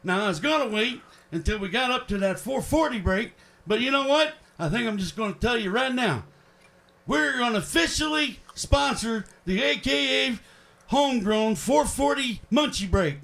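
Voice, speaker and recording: A loud, blustery old grandpa with a folksy drawl, pitched high and hollering out big announcements, as a radio host puts him on. He comes across as a cranky old pizza shop owner who barks at everyone around him. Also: lively intonation, moderate pace, vocal fry, full character voice.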